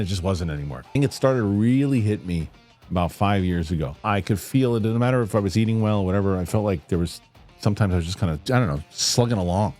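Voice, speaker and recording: A man with a lowish, darkish voice hosts a UFO news show. He offers casual news commentary in a conversational, loosely rambling style, including an ad he reads himself.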